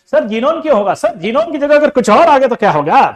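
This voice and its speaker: A man's voice: big pitch swings, fast talker. A man voicing a whiny young male student who pesters his teacher with questions. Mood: pestering. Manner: high, questioning, nagging.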